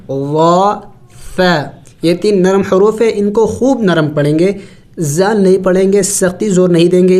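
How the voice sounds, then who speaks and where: A man with a Pakistani Urdu accent teaching Quran recitation with tajweed. He spells out letters and stretches syllables slowly, then explains the rules at a brisk clip. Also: sits high, darkish tone.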